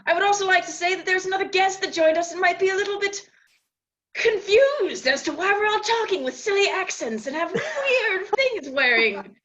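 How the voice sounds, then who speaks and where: A woman's voice: very high voice, lively intonation, moderate pace, a bit bright. A woman playfully mixing pirate talk into plain speech at a club meeting, over dull lo-fi video call audio.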